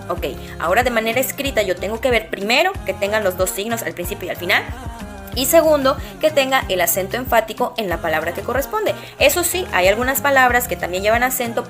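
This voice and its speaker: Mexican lady teacher going over things patiently step by step, music playing underneath. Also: medium pitch. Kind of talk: classroom lesson. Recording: music playing behind her.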